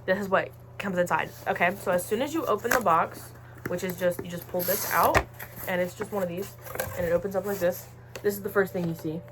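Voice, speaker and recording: A woman's voice: on the low side, a little fast, background noise. Chatty young woman with playful scolding bursts. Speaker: vlogger. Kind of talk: casual unboxing vlog. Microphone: phone.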